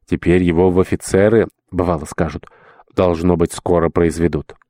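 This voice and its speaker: A man's voice: sits low, fairly even intonation, moderate pace, warm tone, no echo, clean studio sound, close to an everyday voice. A man reading an audiobook, voicing a humble, sentimental elderly male dwarf servant who talks in a fussy, obsequious, old-fashioned polite way. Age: older. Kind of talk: audiobook character voice.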